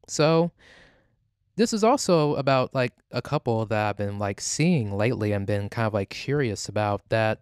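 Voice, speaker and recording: A man hosting a casual gossip podcast, rambling and halting, with "like" peppered through his sentences. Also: medium pitch, clean tone, no echo, clean studio sound. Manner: rambling, halting, heavy use of "like". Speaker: podcast host. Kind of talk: casual celebrity gossip talk.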